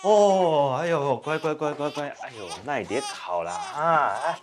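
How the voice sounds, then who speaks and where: An actor playing an earnest, awkward young dad. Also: male voice, mid-range voice, expressive, moderate pace, a bit bright, slight background noise, close to an everyday voice. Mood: coaxing. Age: young adult. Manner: mock-stern lecturing, playful coaxing. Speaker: new father. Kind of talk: TV drama acting.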